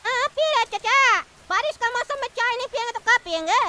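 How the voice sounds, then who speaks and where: A woman voicing a cheeky, fussy young cartoon lad who argues and demands, over loud background noise. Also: very high voice, expressive, a little fast. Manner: argumentative, demanding, suspicious.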